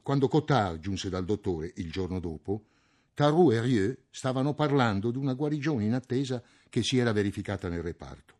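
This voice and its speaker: A man narrating a novel as an audiobook with a lively, expressive reading. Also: on the low side, brisk.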